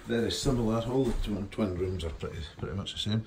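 A man giving an informal, halting walk-through tour of a wooden lodge, speaking into a handheld phone as he walks. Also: on the low side. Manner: unhurried, informal, halting with fillers. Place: wooden lodge rooms and hallways, indoors. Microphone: phone camera held while walking. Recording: echoey rooms with clear handling noise.

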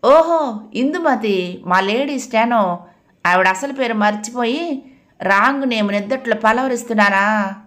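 A woman's voice: mid-range voice, unhurried, long pauses, fairly bright tone, close to an everyday voice. A woman voicing a forgetful, easily flustered middle-aged office clerk who talks anxiously and pleads.

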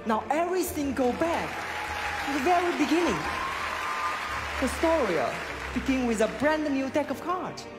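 A man in his thirties whose first language is Chinese performs magic patter in slow, careful English, upbeat and lilting. His voice carries a long theatre reverb. Music and a large audience sit behind it. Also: very high-pitched, expressive, over a noisy crowd. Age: 30s. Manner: halting non-native English, showman patter. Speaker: stage magician.

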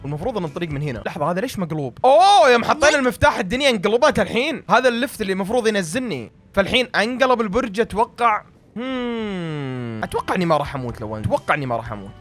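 A man giving excitable commentary while playing a game, panicking and repeating himself. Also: high-pitched, rapid-fire, soft background music. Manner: panicky, yelling and repeating words under pressure. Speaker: gaming video creator. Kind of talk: excitable let's-play commentary to viewers.

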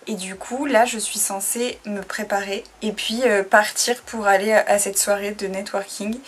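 A young woman from France, a freelance graphic designer, chatting casually to camera in a rambling way with many fillers, sounding tired. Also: medium pitch. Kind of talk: casual vlog chat to camera.

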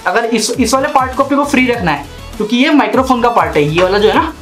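A man's voice: very high voice, lively intonation, fast talker, a bit bright, faint music behind. A young man in a casual how-to vlog, chatting and repeating himself as he works with his hands at a desk in a small room. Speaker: vlogger.

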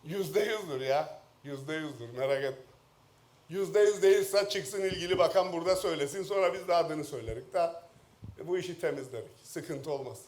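A middle-aged man with a Turkish Cypriot accent giving a heated parliamentary speech at a lectern microphone, swinging from low jabs to shouted outbursts. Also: moderate pace. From Northern Cyprus. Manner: speaking at a lectern microphone in the chamber. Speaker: member of parliament. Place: parliament chamber. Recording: roomy chamber echo.

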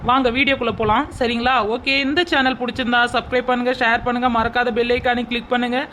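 A woman's voice: fairly high pitch, level tone, quick pace, fairly bright tone, slight background noise. A woman hosting a video channel, talking straight to viewers in a chatty way. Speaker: channel host. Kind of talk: direct address to viewers.

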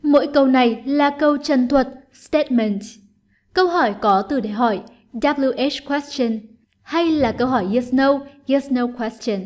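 A woman teacher giving an online lesson, explaining patiently and clearly, step by step, to her students. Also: high voice, normal speed, a little mellow. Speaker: English teacher.

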